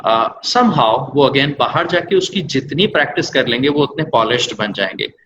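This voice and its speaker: A man's voice: mid-range voice, animated, normal speed, noisy background. A man working as an English language trainer, explaining patiently with examples and mixing English words into his Hindi. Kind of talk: explanatory interview answers.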